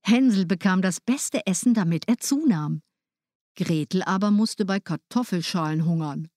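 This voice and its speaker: A woman reading a fairy tale aloud, in a lively, expressive way. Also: on the low side, moderate pace, dry recording, clean studio sound. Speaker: storyteller.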